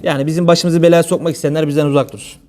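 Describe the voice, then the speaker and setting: Fast-talking high-voiced preacher man. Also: fairly even intonation, a little mellow. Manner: blunt colloquial speech mixed with religious phrases. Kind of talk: informal religious talk.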